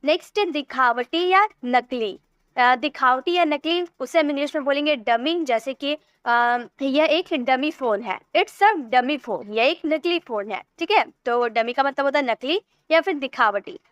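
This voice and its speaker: Indian woman, English teacher, high voice, dry close sound, slow careful repetition. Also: a bit bright, no echo. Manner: repeats each word slowly, drawn-out English examples. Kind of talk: vocabulary lesson.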